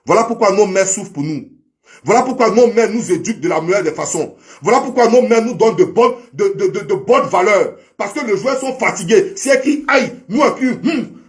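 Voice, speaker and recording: A man's voice: high voice, lively intonation, brisk. A man delivering a preachy, repetitive monologue to a fellow online commentator, heavy with proverbs and addressing him as brother. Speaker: social media commentator. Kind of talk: impassioned monologue to camera.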